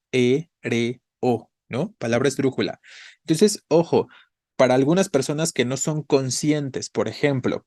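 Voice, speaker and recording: Guy teaching a spanish class, keeps asking "right?", dry close sound, slows down to spell out syllables. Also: medium pitch, a little mellow, no echo. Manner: patient, checks in with frequent "¿no?" and "¿vale?". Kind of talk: online grammar class.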